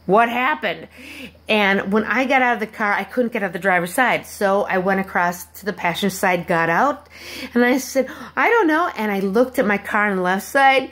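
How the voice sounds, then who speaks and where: A woman telling a personal story to her viewers in a halting, rambling way, with many restarts and asides. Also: mid-range voice. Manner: animated when acting out quoted people. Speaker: vlogger.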